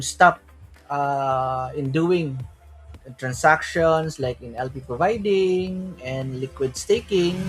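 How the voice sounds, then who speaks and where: Slightly rough and on the high side, this man's voice has a Filipino accent. He's from the Philippines and runs a loose solo crypto livestream, frequently tacking "right?" onto his points and slipping into Tagalog from time to time.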